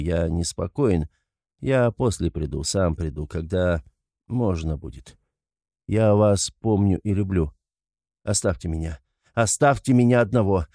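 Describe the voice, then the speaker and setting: A man reads a brooding young student with a deep, dark voice, his speech low and muted. The tone stays heavy and halting. It is dry and close, in the manner of a storybook reading. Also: dry recording, natural voice. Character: brooding young male student, feverish and withdrawn.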